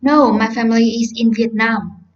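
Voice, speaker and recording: A woman reading the part of a polite young male student in a scripted textbook dialogue, slow and careful. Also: on the high side, steady tone, close to an everyday voice. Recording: slightly dull lo-fi course audio.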